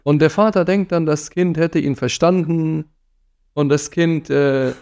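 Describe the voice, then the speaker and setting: A man's voice: a little high, steady tone, measured pace, a little mellow, clean tone, no echo, studio quality. A man giving an earnest religious talk on parenting, admonishing his listeners and sprinkling in Arabic phrases. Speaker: preacher.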